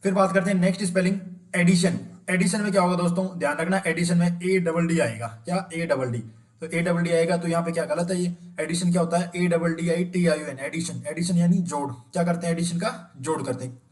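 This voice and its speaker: A man with a high voice teaches an exam-prep spelling lesson, spelling each word out letter by letter. He keeps asking rhetorical questions and checking that his friends in the audience follow. The room gives his voice an echo. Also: quick pace.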